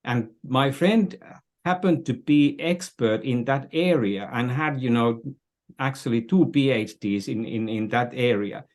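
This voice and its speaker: A Finnish business strategist, an older man, is heard as an interview guest with a mid-range voice that is a little slow and a little mellow. He explains conversationally in a Finnish accent, often pausing to find words and repeating phrases.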